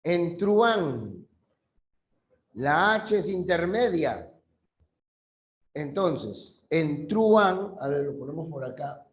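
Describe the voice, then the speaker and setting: A man's voice: a little high, big pitch swings, very slow, pauses often, reverberant. A male teacher giving a classroom language lesson, patiently repeating key terms and checking that students follow.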